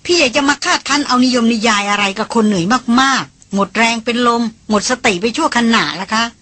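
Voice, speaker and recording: A woman reading the part of a dazed, evasive young woman in an audiobook, speaking softly and pleadingly. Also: a little high, animated, a little fast, slightly rough, exaggerated voice.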